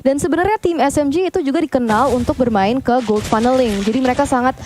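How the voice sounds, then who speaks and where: Fast, high-voiced woman casting esports. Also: a little mellow, slight background noise. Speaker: esports commentator. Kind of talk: live game commentary and analysis.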